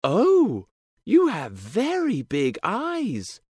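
A man voicing a polite, timid little girl in a storybook reading, with a raised, gentle voice. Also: fairly high pitch, wildly swooping pitch, takes it slowly, no echo, pitched above the performer's own voice, full character voice.

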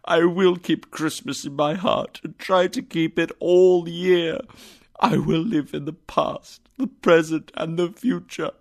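A man voicing an old male miser who cries out in an excitable, exclamatory way. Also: on the high side, measured pace, creaky, full character voice. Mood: pleading.

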